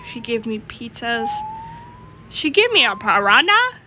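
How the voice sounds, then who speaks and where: A woman's voice: a little high, very animated, a little slow, background noise. A woman giving casual gameplay commentary, rambling as she lists items aloud and giggles often. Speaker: gamer.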